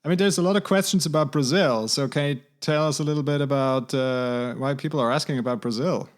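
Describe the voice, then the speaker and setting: A man's voice: mid-range voice, fairly quick. A middle-aged man hosting a podcast, asking questions in a friendly, hesitant way with lots of uhs. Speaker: podcast host. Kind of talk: casual interview.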